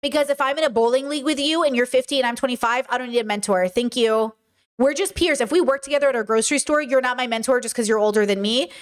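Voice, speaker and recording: Hosting a live stream, a woman in her thirties talks directly into it with a high-pitched voice and a clear, resonant tone. In fast, casual commentary she answers chat, ranting bluntly and swearing freely.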